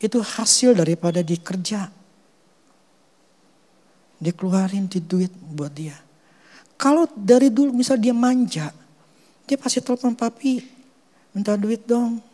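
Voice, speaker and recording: A middle-aged man with an Indonesian accent, a pastor preaching a sermon, telling stories with loud and hushed stretches. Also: high voice, a little slow, long pauses. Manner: animated storytelling, swings from loud to hushed.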